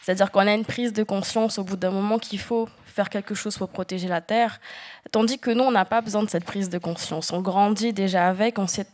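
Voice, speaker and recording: A woman from French Guiana speaking as a panel guest, earnest and halting with frequent restarts. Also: medium pitch, fairly even intonation, a little mellow. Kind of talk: panel discussion talk.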